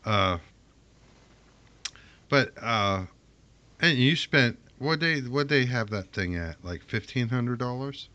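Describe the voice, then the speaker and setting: A man co-hosting a casual podcast chat, rambling with halting restarts. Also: medium pitch, animated, bright, forceful tone, muffled recording. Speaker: podcast co-host.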